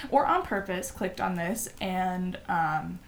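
Young woman, casual podcast chat, rambling, giggly, gravelly fry. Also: lowish voice, animated, takes it slowly, a little hiss or hum. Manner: giggly, rambling, lots of fillers. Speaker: podcast co-host.

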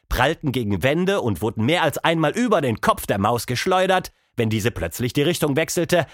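A man narrating a children's audiobook with expressive storytelling. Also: mid-range voice, dry recording, studio quality.

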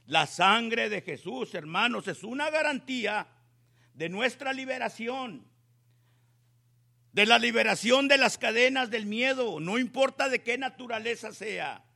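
A male preacher delivers a sermon in slow, emphatic phrases, building to exclamations. His voice sits high and has a gravelly, husky edge. The tone is bright and sharp. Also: lively intonation.

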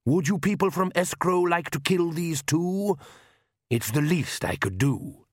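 A man voicing an ancient, courtly male vampire count who speaks slowly and with refined calm. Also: on the high side, no room sound, clean studio sound, voice pushed up. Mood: wistful. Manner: slow, refined and unhurried.

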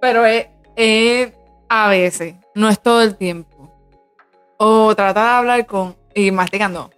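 A woman's voice: medium pitch, a little slow, smooth. A woman co-hosting a casual podcast chat, playfully goading the others, with faint music behind. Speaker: podcast co-host.

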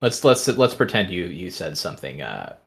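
A man narrating as game master of a tabletop game, relaxed and rambling with fillers. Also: low-pitched, normal speed, gravelly.

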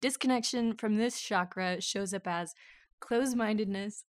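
A woman's voice: mid-range voice, normal speed, dry recording. Giggly woman co-host reading notes. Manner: giggly, self-mocking, reads lists with asides. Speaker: podcast co-host. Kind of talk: casual chat, reading notes.

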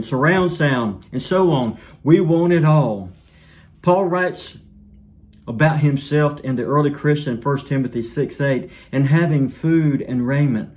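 A man preaching a sermon in an earnest way, his voice sinking soft and low at the ends of lines.

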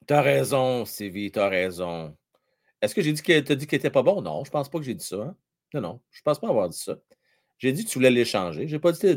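A middle-aged man with a Québécois French accent gives live fan commentary on a hockey game in a mid-range voice. He yells at the plays, then drops to a mutter as he chats with his viewers.

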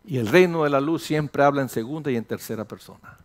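Older pastor, lively sermon. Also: male voice, medium pitch, fast talker. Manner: animated, jokes with the congregation, mixes English phrases. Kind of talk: sermon teaching.

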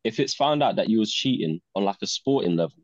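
A man's voice: on the low side, expressive, fast, dry recording. A man co-hosting a football podcast, talking animatedly and laughing often. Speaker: podcast co-host. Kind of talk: casual podcast chat. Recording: dry, dull lo-fi mic.

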